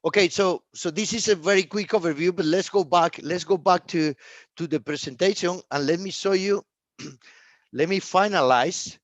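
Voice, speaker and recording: This high-pitched man, not a native English speaker, presents a technical product live, stumbling along and repeating himself word by word and phrase by phrase. The recording is dry and muffled.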